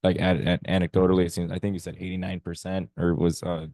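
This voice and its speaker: A man with a hoarse, worn voice reports to a meeting. His pitch sits very low and barely moves. The sound is close and dry, with no room echo. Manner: steady, level report with frequent pauses. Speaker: teacher representative at a council meeting.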